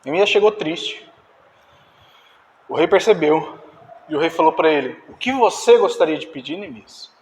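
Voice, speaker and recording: A man preaching a sermon in an animated way, acting out dialogue and directing the slides. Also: on the high side, moderate pace, pauses often, a little hiss or hum. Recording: distant reverberant church hall.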